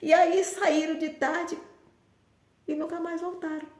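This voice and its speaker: A woman's voice: very high voice, level tone, takes it slowly. Brief: female storyteller, conversational and meandering, recorded in a roomy, echoing space. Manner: rambling, conversational with frequent restarts. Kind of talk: casual folk-tale storytelling. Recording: roomy echo.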